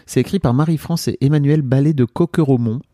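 Chatty French podcast host, mellow voice. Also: male voice, medium pitch, fairly quick, dry recording, studio quality. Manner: chatty, jokey, many fillers. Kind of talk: casual podcast chat.

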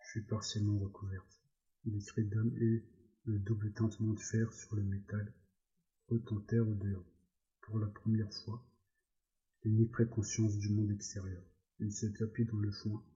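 A man reading a novel aloud as an audiobook, measured with small stumbles, on a slightly dull recording. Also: on the low side, mellow. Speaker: reader.

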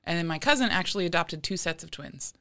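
A woman's voice: lowish voice, lively intonation, fast talker, fairly bright tone. A woman guest on a podcast, telling family stories in an affectionate, chatty way. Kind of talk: casual chat.

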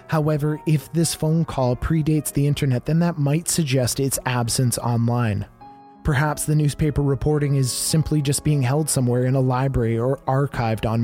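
Dark-toned man narrating a creepy mystery podcast. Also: mid-range voice. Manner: addresses listeners as fellow creeps, conspiratorial storyteller. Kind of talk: scripted narration.

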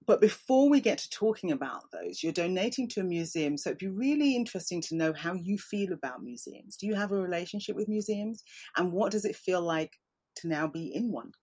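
A woman interviewer asking measured questions in an encouraging way. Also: lowish voice, expressive, dark tone, slightly rough.

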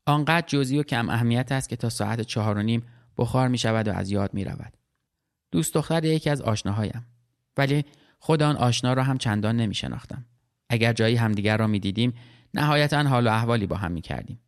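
A man reading a literary short story aloud as narrator, in a calm, measured, reflective way. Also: mid-range voice.

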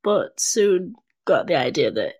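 A woman co-hosts a podcast in casual chat. She tells her story slowly and haltingly, and her voice sounds dry and close, with no room around it. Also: on the low side, sing-song, darkish tone, slightly rough, dry recording. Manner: unhurried, hesitant storytelling. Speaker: podcast co-host.

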